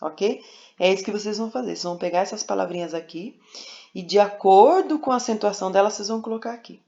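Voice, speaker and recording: A woman's voice: mid-range voice, quick pace, vocal fry, warm tone. Patient woman teacher, lo-fi recording. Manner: patient, coaxing, spells out syllables. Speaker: primary school teacher. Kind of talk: recorded remote lesson. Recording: dull lo-fi home recording.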